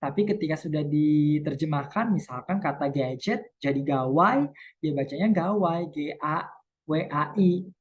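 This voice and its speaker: A woman lecturer explaining English pronunciation, modeling English words slowly with stress and thinking aloud between points. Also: low voice, lively intonation, dull audio. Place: university.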